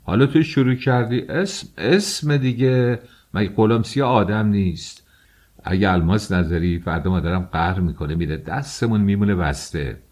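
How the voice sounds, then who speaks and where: A man's voice: deep voice, darkish tone. A man reading an audiobook, voicing an irritable young husband who scolds brusquely. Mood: irritated.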